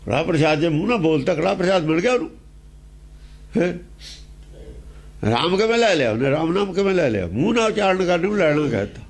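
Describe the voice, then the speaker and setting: Speaking fast with long pauses, a Punjabi-accented man in a fairly high, animated voice gives a scripture exposition talk. The religious teacher repeats important phrases and asks questions of a rhetorical kind.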